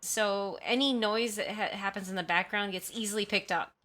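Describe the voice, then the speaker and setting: Speaking at a moderate pace in a mid-range, slightly bright voice, a woman livestreamer rambles casually with her viewers and apologizes frequently. She's at home, using a very sensitive desktop condenser mic.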